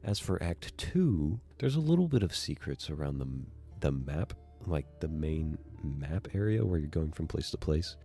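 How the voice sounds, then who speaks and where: A man narrating a casual video essay, excitable and swearing freely as he gushes. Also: rumbling low, normal speed, creaky, breathy edge, soft background music. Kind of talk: casual enthusiastic commentary.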